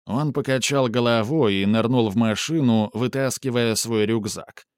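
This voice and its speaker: A man narrating an audiobook in a steady, measured reading. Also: mid-range voice, clear, resonant tone, dry recording. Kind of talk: scripted narration.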